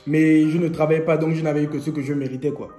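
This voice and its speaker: Young male vlogger, high voice, playful storyteller, echoey room, faint music underneath. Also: fast. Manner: lively, joking storyteller who laughs often. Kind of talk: storytime vlog.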